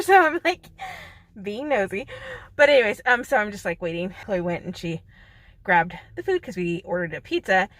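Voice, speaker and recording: A woman's voice: medium pitch, fairly bright tone. A young woman chatting casually in a vlog, bubbly and full of fillers. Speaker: vlogger and author.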